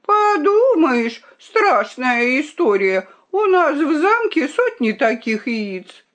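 Woman doing a spoiled little girl princess, very high, shrill, haughty, storybook. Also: very animated, slow pace, a bit bright, full character voice. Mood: dismissive. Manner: shrill, shrieking, dismissive.

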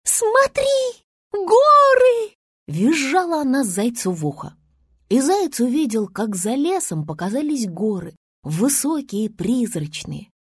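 Animated woman reading a children's story. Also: a little slow, husky, no echo, studio quality. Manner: animated storyteller with big pitch swings. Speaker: narrator.

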